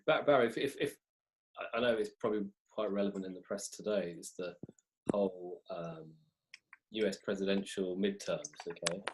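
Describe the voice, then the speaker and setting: A man's voice: deep voice, normal speed, darkish tone, slight background noise. A man, a business advisor, making a point in a discussion with hesitant restarts, often checking with "okay?". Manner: hesitant, repeats words, says "okay?" often. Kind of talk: casual discussion.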